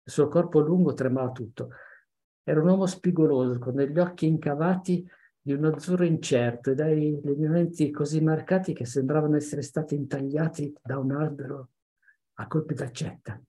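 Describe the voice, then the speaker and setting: A man reading a story aloud with steady, measured narration. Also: a little high. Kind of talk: audiobook reading.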